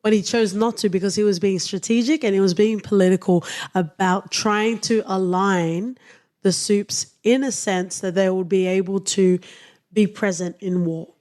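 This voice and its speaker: A woman's voice: mid-range voice, fairly even intonation, normal speed, a little mellow. Chatty woman podcast host. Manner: opinionated, teasing, talkative. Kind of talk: casual TV review chat.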